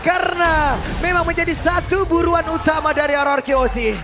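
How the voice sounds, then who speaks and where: A man's voice: extremely high pitch, steady tone, normal speed, a crowd in the background. A man with an Indonesian accent doing live esports play-by-play in the dramatic hype style of a fighting game announcer. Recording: music behind the voice. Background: background music.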